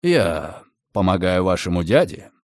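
A sly gentleman with a cold, menacing edge, his voice dropped low and quiet into an amused drawl, as a male narrator plays him. The recording is dry and close. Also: big pitch swings, a little slow, dry recording. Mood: mocking.

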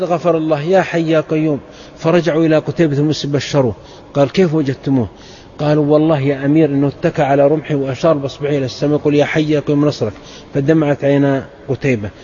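A man's voice: on the high side, warm tone, dull audio, a little hiss or hum. A man from Saudi Arabia preaching a sermon, telling stories of early scholars with fervent, emphatic exhortation. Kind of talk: sermon storytelling.

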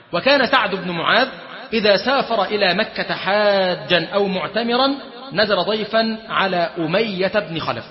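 A man with an Egyptian accent preaching a storytelling sermon, acting out quoted dialogue and dropping into colloquial asides. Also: sits high. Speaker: sheikh giving a lecture. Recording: long reverb, dull lo-fi sound.

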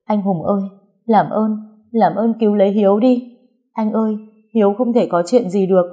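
A woman's voice: medium pitch, fairly even intonation, moderate pace, warm tone, close to an everyday voice. A woman voicing a frantic young woman pleading for help, her voice raised. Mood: desperate pleading.

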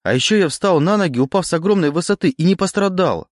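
Reading an audiobook in a studio-quality recording with no room sound, a man pitches his mid-range voice above his natural register to play a confused, frightened young man. The delivery is very animated and frantic at a moderate pace, with a pleading, rising panic.

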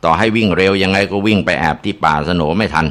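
A man narrates a ghost story in a very low, deep voice. He builds the tension dramatically and drops in an occasional filler sound. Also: fast, fairly bright tone.

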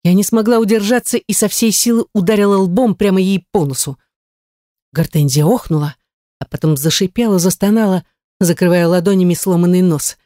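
A woman's voice: on the low side, fairly quick, warm tone, no echo, clean studio sound. Woman reading a tense audiobook. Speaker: audiobook reader. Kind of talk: scripted audiobook narration.

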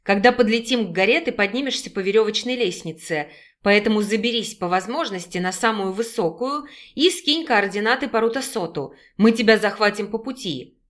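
A woman voicing an anxious, hot-tempered young man who commands loudly, in an audiobook. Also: high-pitched, brisk. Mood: commanding. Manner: loud, commanding, hissing.

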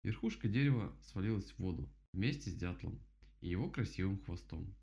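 A man narrating a children's audiobook with expressive storytelling. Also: low voice, brisk, gravelly. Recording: slightly dull lo-fi recording.

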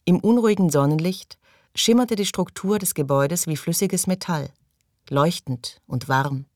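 A woman narrating an audiobook in calm, even storytelling, recorded close in a studio booth. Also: lowish voice, moderate pace, no room sound. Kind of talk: scripted narration.

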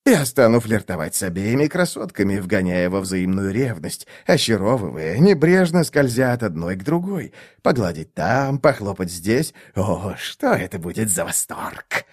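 A man's voice: fairly low pitch, big pitch swings, moderate pace, hardly any pauses. A man voicing a sly, lecherous mage who babbles eagerly and mutters scheming asides to himself.

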